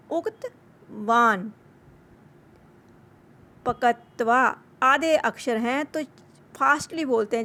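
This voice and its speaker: A woman's voice: high voice, fairly bright tone. A woman teaching an online lesson, repeating each word for pronunciation and mixing English words into her explanations.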